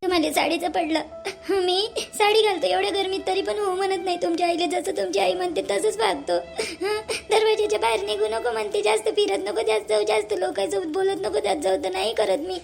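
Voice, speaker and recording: Actress as a sobbing young bride, very high voice with a gravelly edge, faint music behind. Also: female voice, a little fast. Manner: sobbing, tearful complaining. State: crying. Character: young wife beaten by her mother-in-law. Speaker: actor in a family drama. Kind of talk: amateur family drama acting.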